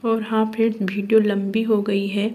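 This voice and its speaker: A woman's voice: medium pitch, level tone, moderate pace, over loud music. A young woman with a Uttar Pradesh Hindi accent narrating her family vlog in a chatty way, full of filler words. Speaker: vlogger.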